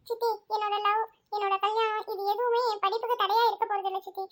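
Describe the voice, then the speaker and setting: A woman acting out a young college girl in a storybook drama, defensive and frank, pleading her case. The voice sits very high and the words tumble out fast and insistent. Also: little pitch movement, a bit bright.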